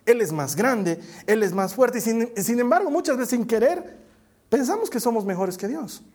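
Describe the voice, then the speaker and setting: A man preaching a sermon with emphatic, repeated phrases that drop into soft, quiet murmurs. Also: very high voice, expressive, moderate pace.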